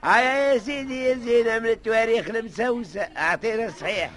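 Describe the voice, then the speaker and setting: A man's voice: very high-pitched, fairly bright tone. A grumbling old Tunisian man. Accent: Tunisian Arabic. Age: older. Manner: grumbling, mocking, quick retorts. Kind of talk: 1950s radio drama acting.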